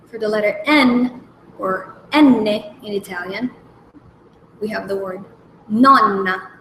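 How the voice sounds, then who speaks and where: A woman hosting a language lesson, slowly naming each letter and repeating example words with care. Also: mid-range voice, a little hiss or hum. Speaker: language segment host. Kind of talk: slow, careful alphabet lesson. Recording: echoey room with faint background ambience.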